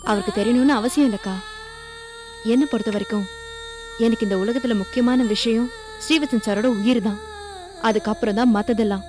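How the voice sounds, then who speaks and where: A woman's voice: on the high side, fairly even intonation, fairly quick, pauses often, music in the background, lightly acted. A woman playing a devoted, resolute young woman. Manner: earnest and determined. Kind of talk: TV serial acting.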